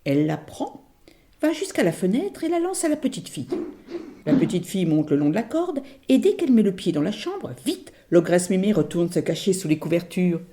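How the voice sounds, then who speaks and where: A woman storyteller telling a children's tale in an animated, playful way. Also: lowish voice, brisk, slight background noise.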